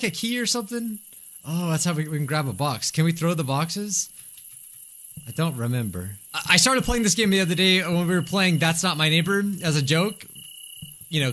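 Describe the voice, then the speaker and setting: Young guy rambling over a video game, bright excitable voice, swings up and down a lot, close mic. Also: fairly high pitch. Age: young adult. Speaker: gaming video host. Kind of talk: casual gameplay commentary. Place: small room indoors. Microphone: close desk microphone with headset.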